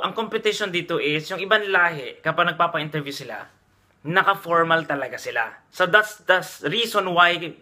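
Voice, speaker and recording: A man's voice: fairly high pitch, sharp tone. A man from the Philippines, casually vlogging job tips to viewers and often checking in with them. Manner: chatty, addresses viewers as guys, frequent okay checks. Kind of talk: casual chatty vlog. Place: Dubai.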